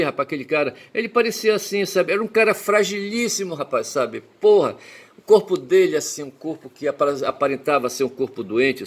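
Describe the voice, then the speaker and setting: Man, mid-pitched, rambling solo commentary, profane and emphatic, dropping to low murmured asides. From Belém, Pará, Brazil. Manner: peppers speech with tag questions; swings between loud emphatic bursts and low murmured asides. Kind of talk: rambling personal monologue.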